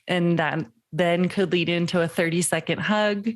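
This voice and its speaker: A woman parenting coach on a podcast, explaining her advice in a lively way and dropping into a slow, soothing voice to demonstrate it. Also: lowish voice. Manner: animated, acts out quoted voices.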